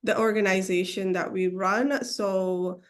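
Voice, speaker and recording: Still recovering from a cold, a woman from Seattle, United States, whose native language is Somali presents a community webinar on a video call. She speaks a little slowly at medium pitch with fairly even intonation. Frequent ums and mid-phrase restarts show her hesitancy.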